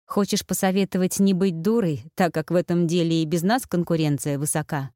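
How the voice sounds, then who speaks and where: A woman voicing a sharp-tongued young witch lawyer who speaks sardonically, in a storybook reading. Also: on the low side, steady tone, fairly quick, no room sound, studio quality, lightly acted. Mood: sardonic. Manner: sardonic, growling when angry.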